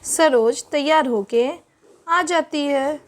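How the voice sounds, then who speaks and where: A woman's voice: sits high, slow. A woman narrating a children's doll story in a simple storytelling manner.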